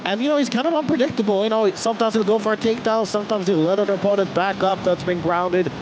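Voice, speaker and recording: Male MMA commentator, high-pitched, analytical and conversational, over clear venue noise. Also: fast, lo-fi sound. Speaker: fight commentator. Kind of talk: sports commentary, pre-fight analysis. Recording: noisy live event background.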